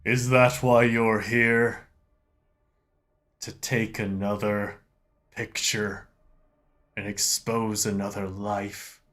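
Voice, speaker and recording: A man voicing a grandiose, disdainful fortune teller in a tabletop game, with booming, theatrical proclamations. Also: little pitch movement, drawn-out words, pauses often, fairly bright tone. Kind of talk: tabletop game role-play.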